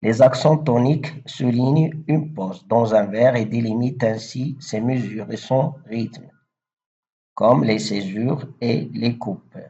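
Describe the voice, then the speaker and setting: A man teaching French verse meter, speaking slowly and methodically with frequent fillers. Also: medium pitch, dark tone, slightly rough, muffled recording. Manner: slow, methodical, with repeated fillers. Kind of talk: explaining French poetry meter.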